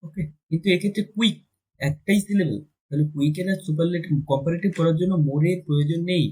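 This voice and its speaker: A man teaching English grammar for exams, with a slightly high, husky voice. He explains each point step by step, asking his own questions and answering them. He slows right down when reading out example sentences. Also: warm tone, rough recording. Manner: switches between Bengali and slowly dictated English. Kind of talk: exam-prep grammar lesson.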